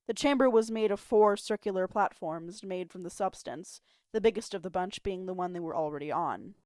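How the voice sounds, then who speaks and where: A woman's voice: mid-range voice, no echo, clean studio sound. Amateur woman reading a story aloud. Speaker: audiobook reader. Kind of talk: amateur narration of fan fiction. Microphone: home mic, not professional.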